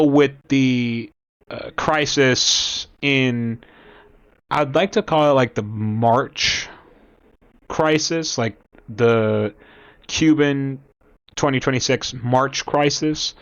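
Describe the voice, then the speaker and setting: A young man born in Cuba talks casually to his viewers, rambling and halting, and sometimes reads aloud from an article. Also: medium pitch, fairly bright tone, clear, resonant tone, lo-fi sound. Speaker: commentator. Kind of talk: casual talk to camera.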